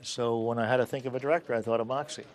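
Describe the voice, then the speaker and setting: An older male film producer telling animated interview anecdotes and acting out the dialogue. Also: medium pitch, very fast. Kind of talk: interview storytelling.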